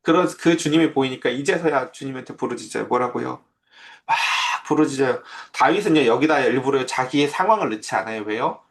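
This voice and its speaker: A man's voice: mid-range voice, fairly quick. A man preaching a sermon as pastor, in a conversational way that keeps asking his listeners questions.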